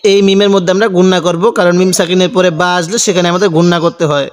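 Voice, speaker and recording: Speaking rapid-fire in a high, level voice, a man teaches Quran spelling and recitation, carefully explaining each rule and repeating every syllable. The lesson includes slow chanted recitation and is recorded with long hall reverb.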